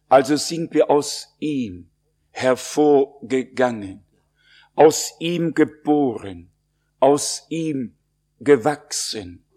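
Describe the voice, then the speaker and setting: A man preaching a sermon, slow and solemn, stressing his words with long pauses. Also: medium pitch, a little mellow.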